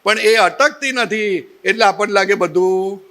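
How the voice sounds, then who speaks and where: High-voiced man teaching with playful humor. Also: measured pace. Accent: Gujarati. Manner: humorous, animated storytelling with rhetorical questions. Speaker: spiritual teacher. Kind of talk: satsang talk.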